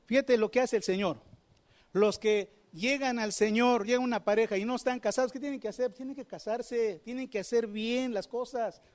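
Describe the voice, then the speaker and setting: A man's voice: very high voice, fairly even intonation, normal speed. A man preaching a sermon, asking the congregation questions and repeating phrases for emphasis. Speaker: pastor.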